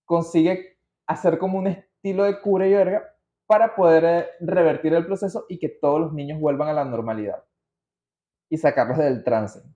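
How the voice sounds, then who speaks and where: A Venezuelan podcast host speaks at a moderate pace, his voice a little high but dark in tone. He talks informally from notes, slangy and digressive, and the recording is muffled and roomy.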